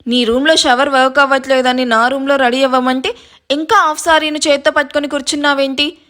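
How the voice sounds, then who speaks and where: A woman storyteller voicing a brisk, bossy elder sister who scolds. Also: high-pitched, fairly even intonation, bright, forceful tone. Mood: scolding.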